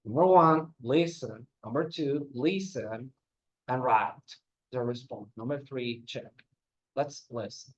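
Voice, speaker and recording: A man teaching an English lesson on video, giving instructions and modeling sentences. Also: mid-range voice. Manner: explains slowly and gives classroom instructions. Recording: dull lo-fi sound.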